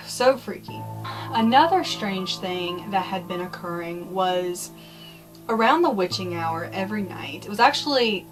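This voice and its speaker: A woman's voice: mid-range voice, lively intonation, unhurried, low-quality recording. Casual woman vlogger over background music. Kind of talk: casual storytelling about eerie happenings.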